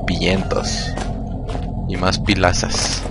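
A man's voice: low-pitched, monotone, drawn-out words, gravelly. A man with a Mexican accent giving casual gameplay commentary, crude and slangy, muttering to himself. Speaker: gamer recording a let's play. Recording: loud game music behind the voice. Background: horror game music.

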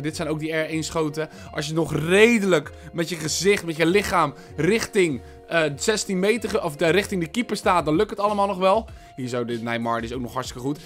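Excitable young man commenting on a game. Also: fairly high pitch. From Netherlands. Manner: excitable, shouts at big moments, chatty with viewers. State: headache. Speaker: gaming video host. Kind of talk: casual gameplay commentary.

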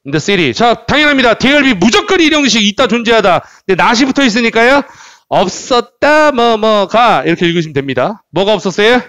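A man teaching English in a lively classroom lecture style, often repeating words and asking the class questions. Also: sits high, fairly quick, few pauses, no room sound. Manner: animated, repeats words and asks rhetorical questions.

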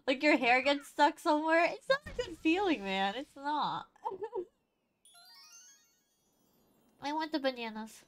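A woman's voice: high-pitched, a little slow, pauses often, slight background noise. A woman streamer giving casual gameplay commentary, giggling often and talking to the characters on screen. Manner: giggly, excitable, talks to the game characters.

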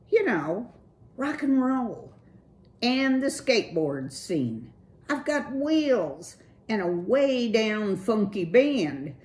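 Pushing her darkish, mid-range voice upward, a woman plays a slang-talking young male city mouse. The character drawls in a relaxed, breezy way, using surfer lingo and saying "dude" again and again.

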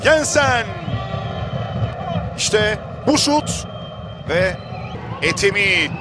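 A man giving excited live football commentary, screaming and shouting the calls. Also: high-pitched, very slow, very noisy.

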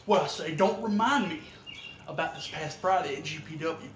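A man delivering a wrestling promo as menacing, emphatic trash talk with deliberate pauses. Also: on the high side. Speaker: professional wrestler. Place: outdoors against a brick wall under an overhang. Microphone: camera a few metres away. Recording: roomy, distant mic with outdoor noise.

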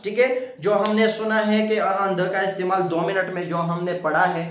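High-voiced male teacher in an echoey room. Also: little pitch movement, moderate pace, a bit bright. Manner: repeats "theek hai" as a verbal tic, asks the viewer rhetorical questions. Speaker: English teacher. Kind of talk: casual video lesson.

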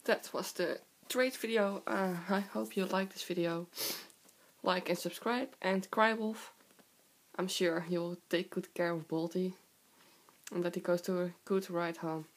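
A young woman with a hoarse, sore-throat voice from a cold, chatting casually in a halting, giggly way as she hosts a show-and-tell vlog. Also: lowish voice, fairly even intonation. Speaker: video host. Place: indoor room with wooden floor. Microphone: handheld camera close by.

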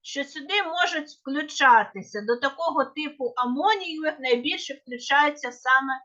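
A woman lectures on grammar in a high, bright voice, taking her time over each example. She explains with care and sometimes stops to correct a slip. The recording sounds muffled and lo-fi. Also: animated, moderate pace. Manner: careful, with small self-corrections. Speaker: teacher. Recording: dull lo-fi recording.

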